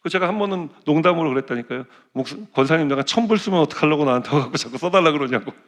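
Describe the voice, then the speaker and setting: A middle-aged male pastor giving a sermon, telling a personal story in an animated way and acting out his prayers and other people's words. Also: a little high, rapid-fire. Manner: animated storytelling, acts out prayers and quoted voices. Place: church.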